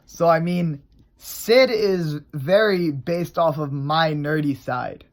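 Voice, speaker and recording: A man's voice: on the high side, slow pace. A man talking casually about how he builds his characters, loose and rambling, often trailing off and starting his sentences again. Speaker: character creator on his own channel. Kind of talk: casual explanatory vlog.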